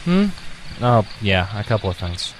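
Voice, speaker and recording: An actor playing a suspicious, hot-tempered echidna guardian in an amateur radio drama, blunt and sarcastic. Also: male voice, lowish voice, big pitch swings, normal speed. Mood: worried, brusque. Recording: noisy home recording.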